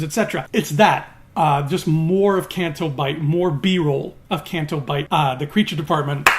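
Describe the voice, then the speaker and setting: A man giving an enthusiastic, casual spoken film review, acting out little quotes as he goes. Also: fairly high pitch.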